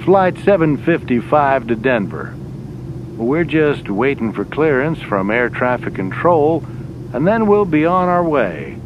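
A pilot on the plane intercom, slow steady announcements, muffled with engine rumble. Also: male voice. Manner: measured, deliberate delivery. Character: calm male airline captain making cabin announcements. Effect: over the aircraft intercom. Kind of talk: scripted in-flight announcements for a language lesson.

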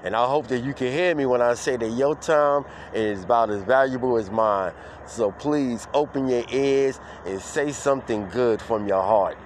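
A man hosting his own podcast outdoors, playing a loud, upbeat morning-radio host who stretches out words and laughs. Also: medium pitch, slight background noise. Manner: hype-man energy, drawn-out shouted words, laughing. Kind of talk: playful mock morning-radio show. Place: outdoors in the street.

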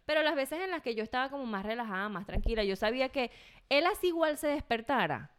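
Mom chatting on a podcast, highish voice, does all the voices in her stories. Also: fast talker, smooth. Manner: animated storytelling, acts out quoted lines. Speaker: podcast host. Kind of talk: casual podcast chat.

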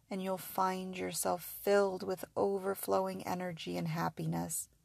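Female sleep-story style hypnosis narrator: unhurried, soothing, repetitive, close and dry-sounding. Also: medium pitch, vocal fry, a little mellow, dry recording. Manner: soothing, repetitive, suggestive phrasing.

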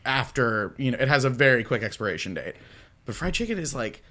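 Casual male co-host from Texas, enthusiastic and rambling, mid-pitched. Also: big pitch swings, a little fast, sharp tone. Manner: enthusiastic, rambling with many fillers. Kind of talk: casual chat.

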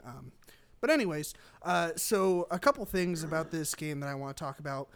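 A man's voice: fairly high pitch, lively intonation, normal speed, a bit bright. A young man co-hosting a podcast in casual chat, rambling and stammering with frequent laughs and casual swearing. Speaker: podcast co-host.

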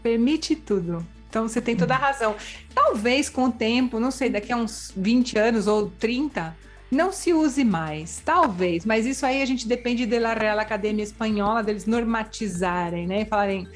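A woman's voice: on the high side, moderate pace, soft background music. A woman explaining language points in casual chat, with frequent tag questions and worked examples. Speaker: Spanish language teacher.

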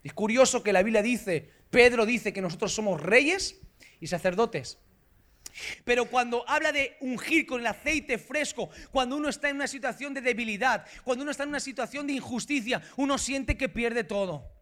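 A man from Spain preaching a sermon in a church hall, emphatic and rising to shouts on key phrases. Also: extremely high pitch, normal speed. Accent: Spanish from Spain. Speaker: pastor.

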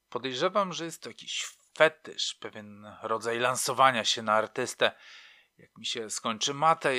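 A man's voice: medium pitch, sharp tone, no room sound, clean studio sound. A man reading a novel aloud in a reflective, wry storytelling manner. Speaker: narrator. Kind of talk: audiobook narration.

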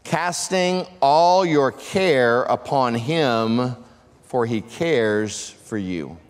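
A male pastor preaching a sermon in an emphatic style that swells into shouts for emphasis. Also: medium pitch, lively intonation, very slow. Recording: long reverb of a large hall.

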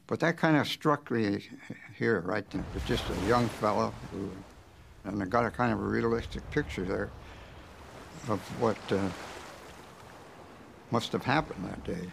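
A man's voice: lowish voice, a little slow, vocal fry, pauses often, noisy background. An elderly man, a war veteran, remembering in a rambling way in a documentary interview. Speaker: war veteran, former officer.

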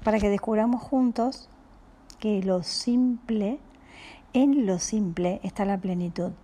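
Her pitch is medium, and her Rioplatense Spanish accent carries a slow, calm, reflective spiritual message. This spiritual teacher keeps dropping into a gentle whisper as she talks.

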